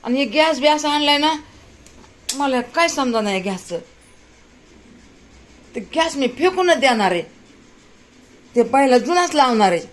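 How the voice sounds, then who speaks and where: A woman's voice: sits high, lively intonation, unhurried, long pauses. Exasperated woman cooking. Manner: exasperated, complaining, talks while cooking. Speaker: home vlogger. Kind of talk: casual kitchen vlog talk to viewers. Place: home kitchen.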